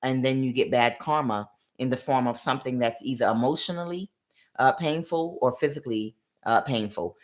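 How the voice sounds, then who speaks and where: A woman's voice: a bass voice, moderate pace. A woman giving a rambling spiritual tarot reading, full of "uh" fillers and acted-out quotes. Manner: rambling, many "uh" fillers, acts out quoted voices. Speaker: tarot reader.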